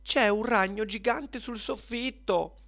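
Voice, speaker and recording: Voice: mid-range voice, slow pace, a bit bright, pitched above the performer's own voice. A storyteller voicing a frightened young girl who shrieks for help in a children's storybook reading. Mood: alarmed. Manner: shrieking, then indignant.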